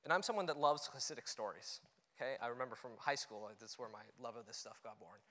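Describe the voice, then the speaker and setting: A young adult man from Canada, speaking at a conference, delivers an earnest and conversational stage talk at a quick pace in a mid-range, fairly bright voice. He leans on "you know" fillers often, and the auditorium recording has long hall reverb.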